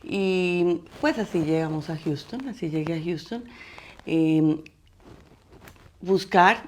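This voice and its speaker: A middle-aged woman from Colombia, a guest artist telling her story in an interview, talking haltingly with many restarts and fillers. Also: lowish voice, slight background noise. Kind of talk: interview conversation.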